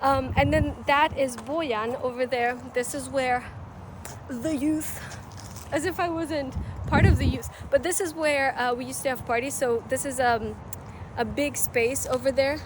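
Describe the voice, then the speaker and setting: Out in a city and partly riding a bike, a twentysomething vlogger chats through a casual travel vlog, rambling with plenty of fillers. Her voice is high, steady in tone and a little slow, set against outdoor street noise, traffic and passing vehicles.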